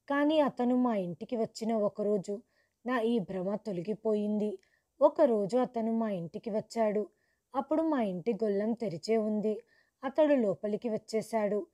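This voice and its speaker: A woman telling a first-person story in a steady, earnest narrating voice. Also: on the high side.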